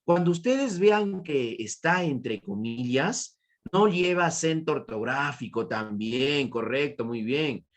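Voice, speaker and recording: A man with a Peruvian Spanish accent teaches an online class in an animated, slow voice of medium pitch. He repeats his points, asks students questions and praises their answers.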